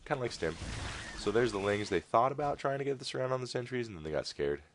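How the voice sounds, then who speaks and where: A man's voice: mid-range voice, expressive, fast, a little hiss or hum. A man casting a strategy game replay in a casual, rambling way with jokey asides. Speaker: game caster. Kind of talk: casual video game commentary.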